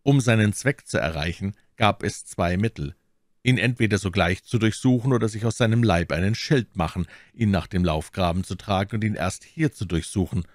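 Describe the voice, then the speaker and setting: A man narrating a classic novel as an audiobook reader in a measured storytelling manner. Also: fairly low pitch, no echo, studio quality.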